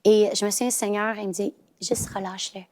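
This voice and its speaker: A woman's voice: mid-range voice, level tone, quick pace, darkish tone. A woman in her thirties with a Québécois French accent, telling family stories as a guest on a talk show, with many fillers and restarts. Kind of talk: casual talk show chat.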